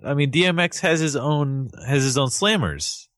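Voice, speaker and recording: Wry man tossing in quick jokes. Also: on the high side, expressive, a bit bright, no echo, clean studio sound. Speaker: podcast co-host. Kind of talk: casual comedic chat.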